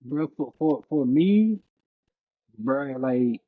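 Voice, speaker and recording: Man, podcast co-host, casual chat, emphatic heated slangy talk, mid pitch, tinny dry recording. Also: expressive, very slow, no echo.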